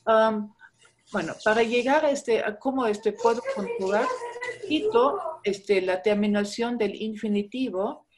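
A woman's voice: on the high side, expressive, measured pace, noisy background. A woman teaching a class, explaining step by step, patient, with many fillers. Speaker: German teacher. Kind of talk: online class lecture.

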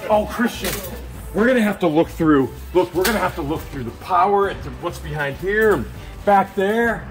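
A man in his thirties hosting a vlog, talking excitedly and joking while he opens boxes in a metal storage unit, handheld camera nearby. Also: high voice, moderate pace, over music. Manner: eager, joking, talks while working with his hands. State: sweating. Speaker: vlog host. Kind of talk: excited casual chat while unboxing.

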